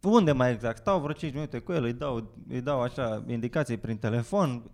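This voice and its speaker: A man co-hosting a casual podcast, telling a story with lively acted-out dialogue and frequent laughter. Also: mid-range voice, vocal fry. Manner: animated storytelling, acts out dialogue, laughs often. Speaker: podcast host. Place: Bucharest.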